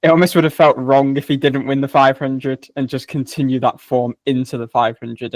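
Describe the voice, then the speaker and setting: A man's voice: mid-range voice, no room sound. Rambling male podcast co-host. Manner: rambling, self-correcting. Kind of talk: casual podcast chat.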